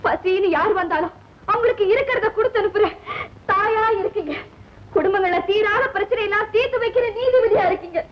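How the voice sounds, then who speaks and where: A woman's voice: extremely high pitch, a little fast, a little hiss or hum. An actress playing an affectionate young village woman who scolds her mentor tearfully. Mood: reproachful. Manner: tearful, reproachful, then firm. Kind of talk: 1970s film acting. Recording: muffled old film soundtrack.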